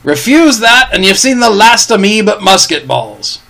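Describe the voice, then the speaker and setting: A man voicing a gruff, peg-legged old pirate cook who bargains and threatens in rough sailor's talk. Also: sits high, very animated, normal speed, pitched above the performer's own voice, exaggerated voice. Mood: threatening. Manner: rough sailor's dialect, loud and blustering. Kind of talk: storybook reading.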